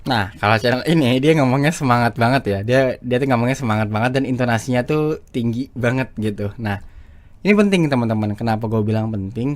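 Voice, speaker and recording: A man giving a casual lesson on speaking for short videos, chatty and full of fillers and restarts. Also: mid-range voice. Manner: chatty, repeats himself, many fillers and restarts. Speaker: YouTube teacher of public speaking. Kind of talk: casual screen-share lesson.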